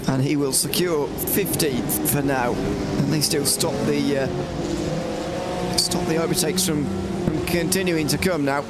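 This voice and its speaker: A man's voice: on the high side, steady tone, measured pace, loud music behind the voice. A man giving live motorsport commentary on a sim race, calling the action play-by-play with exclamations. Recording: loud engine and vehicle noise. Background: race car engine noise.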